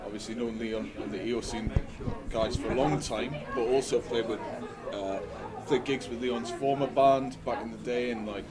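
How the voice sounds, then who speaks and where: A man with a mid-pitched voice chats casually as an interviewed musician. He sounds off the microphone, with clear crowd chatter around him. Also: steady tone, normal speed, rough recording. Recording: off-mic amid crowd and outdoor noise.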